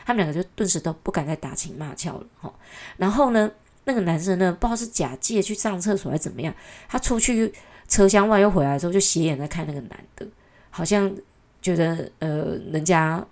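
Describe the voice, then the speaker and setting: Woman vlogger, Taiwanese Mandarin accent, lower-pitched voice, chatty and exasperated storytelling. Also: a little mellow. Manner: chatty and exasperated, with mocking asides. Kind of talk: casual storytelling rant.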